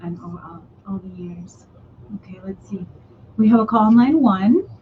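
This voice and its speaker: A woman's voice: mid-range voice, lively intonation, moderate pace. A woman hosting a radio show, chatting in an effusive way with her guest. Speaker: radio host. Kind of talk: casual radio interview. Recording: dull broadcast audio with faint noise.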